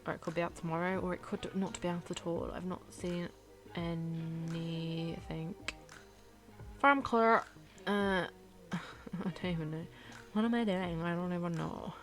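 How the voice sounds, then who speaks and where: A young woman chats casually in a fairly low voice, rambling with fillers and little giggles. Faint music plays softly behind her. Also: steady tone, a little fast. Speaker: YouTuber ranking characters. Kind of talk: casual chat over gameplay.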